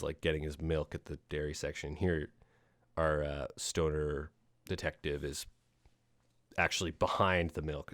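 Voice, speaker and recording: This male podcast host has a low but fairly bright voice, recorded with no echo. He chats loosely about a film, wandering off track, restarting sentences, using plenty of fillers and swearing casually.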